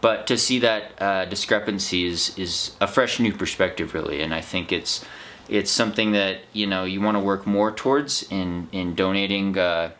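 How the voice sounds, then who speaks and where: A man's voice: low-pitched, moderate pace, a bit bright, a little hiss or hum. An American man talking in a casual, unscripted vlog monologue, rambling in a reflective, earnest way. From United States. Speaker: vlog host, trail runner.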